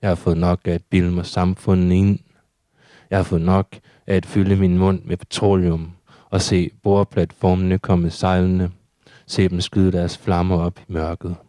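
A man reading his own surreal prose poetry aloud in a steady, measured recitation. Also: sits low, dry recording, studio quality.

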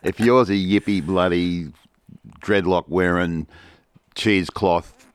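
A man's voice: sits low, steady tone, takes it slowly, smooth, no room sound. A middle-aged Australian man co-hosting a podcast outdoors, trading dry, grumbling banter in casual chat. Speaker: podcast co-host. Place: outdoors at a breakfast area by a pool.

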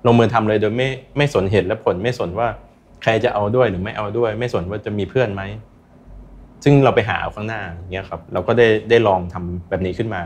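A man's voice: fairly low pitch, fast. A man speaking as an interview guest, earnestly sharing personal experience and advice in a casual chat. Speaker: interview guest, recreational runner.

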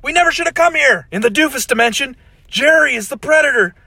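A man voicing a panicked old male mad scientist who talks in a frantic, high, strained way. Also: normal speed, sharp tone, breathy edge, no room sound, exaggerated voice.

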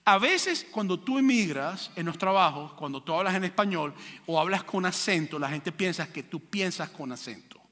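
A man from Venezuela preaches with a high, bright voice that carries. He is animated and jokes with the congregation. The sound rings with the long reverb of a church hall. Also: normal speed. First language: Spanish. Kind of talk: sermon.

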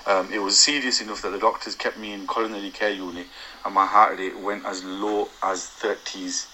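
Flat, low-pitched Yorkshire man reading. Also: moderate pace, slight background noise, rough recording. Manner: earnest, with frequent ums and self-corrections. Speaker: guest cyclist giving advice. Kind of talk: reading prepared tips aloud.

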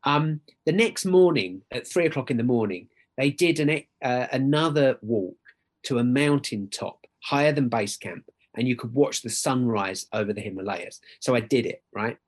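A middle-aged Essex man with a mid-pitched voice talks conversationally as an interview guest. He is earnest and emphatic, telling personal stories and often tagging a point with a quick "right?". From Essex, England. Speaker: podcast guest, church worker.

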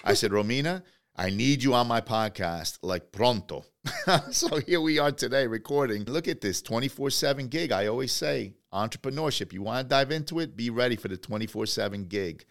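A man hosts a podcast in a casual interview, enthusiastic and encouraging toward his guest. His pitch swings widely and animatedly as he talks, at a middle height. He keeps dropping in friendly fillers. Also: lively intonation, normal speed, a bit bright. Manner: enthusiastic, encouraging, uses "listen" and "you know". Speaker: podcast host.

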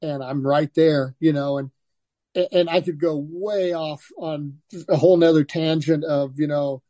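Older man with a dry, mellow voice. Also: on the high side, unhurried, no echo. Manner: relaxed storytelling, frequent restarts and "you know". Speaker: guest, former motocross racer. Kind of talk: casual interview.

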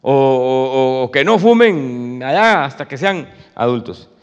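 A man's voice: medium pitch, expressive, unhurried, in a large hall, highs cut off, voice pushed down. A man voicing a strict middle-aged father who lectures his son with stern, preachy warnings. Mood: stern lecturing.

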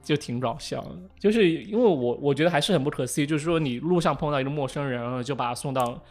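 A man co-hosting a casual podcast chat, telling a childhood story in animated, halting fashion with many restarts. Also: fairly high pitch. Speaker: podcast co-host.

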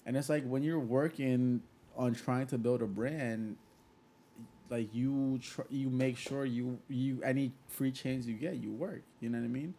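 A man's voice: medium pitch, unhurried, dark tone. Rambling young man over background noise. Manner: rambling, repeats "like" and "you know what I mean". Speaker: podcast co-host. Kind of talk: casual chat.

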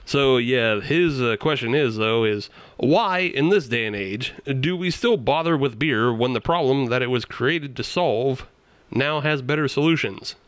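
A man's voice: mid-range voice, animated, measured pace, clear, resonant tone, no echo. A man co-hosting a podcast, chatting casually with frequent jokes and laughter. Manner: jokey, laughs often. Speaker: podcast co-host. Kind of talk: casual chat.

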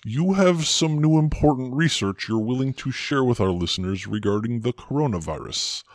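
A man's voice: mid-range voice, dry recording. A man plays a stuffy, pompous interviewer whose voice swings widely as he speaks. His manner is formal and exasperated, and the recording sounds dry and close. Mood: skeptical. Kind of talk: comedy sketch acting.

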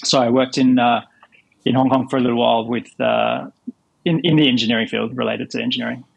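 A man from Australia guesting on a podcast, answering in a measured, plain way. His voice is gravelly with a husky edge, at a middle pitch. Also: steady tone, rough recording. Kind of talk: podcast interview.

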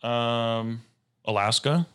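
A young man from Michigan co-hosting a casual podcast chat, joking in a deadpan way and swearing casually. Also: mid-range voice, drawn-out words, smooth. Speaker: podcast co-host.

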